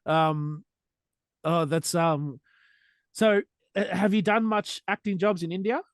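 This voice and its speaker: A man's voice: sits high, slow pace, dry recording. A man hosting a podcast, asking questions in casual chat and backing the guest with many eager "yeah"s. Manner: eager, affirming, frequent "yeah"s. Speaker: podcast host.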